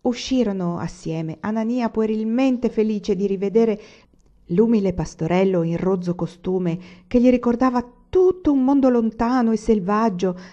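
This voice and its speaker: A woman reading a literary novel aloud as an audiobook, measured and expressive. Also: mid-range voice, lo-fi sound. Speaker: audiobook reader.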